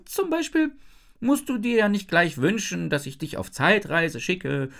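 A woman voicing a bubbly, chatty young girl genie in an audiobook, giggly and quick with her words. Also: fairly low pitch, very animated, gravelly, fairly bright tone, voice pushed up, full character voice. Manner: giggly, fast talking, squeals when scared. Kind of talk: audiobook character voice.

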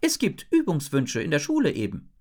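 A woman voicing a bubbly, chatty young girl genie in an audiobook, giggly and quick with her words. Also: sits low, wildly swooping pitch, mellow, exaggerated voice. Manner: giggly, fast talking, squeals when scared. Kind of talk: audiobook character voice.

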